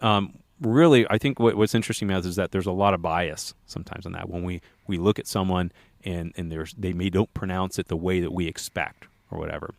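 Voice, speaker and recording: A male podcast co-host with a low-sitting voice talks loosely and meanders, often restarting sentences and leaning on filler words. There's no echo in the recording.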